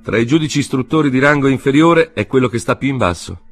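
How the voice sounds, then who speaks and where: A man's voice: medium pitch, expressive, quick pace, no echo, faint music behind, voice pushed up. A man reading an audiobook voices a curt, suspicious man who questions and orders others sharply. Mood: commanding. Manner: sharp, commanding.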